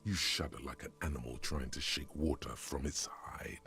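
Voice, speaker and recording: A brooding video game narrator with a deep, gravelly voice. He speaks in measured, grim second person. Game music runs clearly beneath him. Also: pushed and bright, exaggerated voice.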